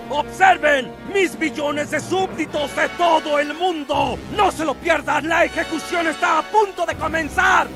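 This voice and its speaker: Evil clown pirate from anime, latin american spanish, really high and drawn out, grandiose, comic but threatening. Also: male voice, exaggerated voice. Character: gloating, theatrical, menacing pirate clown. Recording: music behind the voice.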